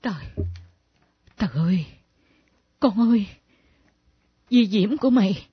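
A woman's voice: mid-range voice, lively intonation, slow, slightly rough, dry recording, full character voice. An actress voicing the ghost of a betrayed mother who scolds and exclaims in a radio drama. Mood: indignant. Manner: exclaiming, scolding, at times whispered asides. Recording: dull lo-fi old radio recording.

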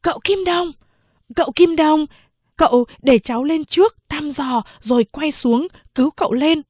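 A woman's voice: sits high, moderate pace, darkish tone, dry recording, voice pushed up, close to an everyday voice. A woman voicing an eager young boy who coaxes and pleads with his uncle in an audiobook. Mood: urgent coaxing. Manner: urgent, coaxing. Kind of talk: audiobook character voice.

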